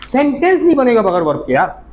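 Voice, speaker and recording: A male grammar teacher lectures in a classroom in with a lilt, and his voice sits high. He explains patiently and keeps questioning his students. Faint classroom noise sits behind him. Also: wildly swooping pitch, fairly quick, rough recording.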